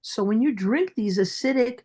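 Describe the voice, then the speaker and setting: A woman's voice: a little high, expressive, normal speed, warm tone. A woman with a Brooklyn accent speaking as a dentist guest in an interview, emphatic and repeating phrases for stress.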